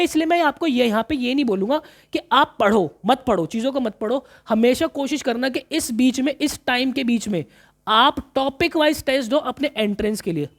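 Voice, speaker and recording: A man coaching commerce students through exam planning in a casual, chatty way, often repeating himself and calling listeners brother. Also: very high-pitched. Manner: chatty, repeats phrases, calls listeners brother, mixes in English terms.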